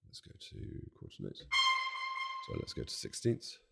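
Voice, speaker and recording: A man demonstrating music software from a home studio, his voice strained and close to giving out, chatty and self-deprecating with jokey asides. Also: moderate pace. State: strained, nearly losing his voice. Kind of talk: casual product walkthrough.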